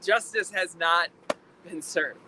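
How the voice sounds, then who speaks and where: High-voiced man preaching at a protest. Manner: emphatic, deliberate, repeats phrases for effect. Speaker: preacher, rally speaker. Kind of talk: impassioned protest speech with preaching cadence. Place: outdoors at a rally in town. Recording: noisy outdoor urban recording, faint traffic.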